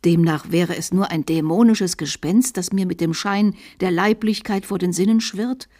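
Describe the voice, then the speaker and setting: A woman's voice: on the low side, moderate pace, warm tone, close to an everyday voice. A frightened, bewildered bishop with a slight lisp, as a woman puts him on. He murmurs anxiously and pleads for answers. It sounds like a storybook reading for radio. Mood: fearful.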